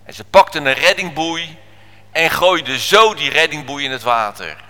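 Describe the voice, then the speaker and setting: A preacher telling a children's story in a church service, animated, swinging from whispers to shouts. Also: male voice, a little high, moderate pace. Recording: echoey church hall.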